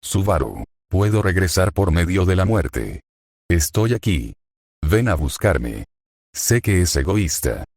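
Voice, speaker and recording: A man voicing a desperate young male hero who speaks slowly and pleads. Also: sits low, very animated, gravelly, a little mellow, no room sound, studio quality, full character voice. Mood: pleading.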